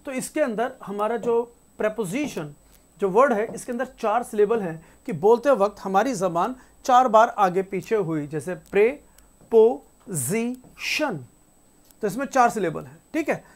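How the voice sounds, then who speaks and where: Woman teacher explaining spelling rules slowly. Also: medium pitch, expressive. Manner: repeats example words and reads rules out slowly; casual, conversational teaching with frequent checks like "theek hai". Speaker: English teacher. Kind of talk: classroom-style explanation.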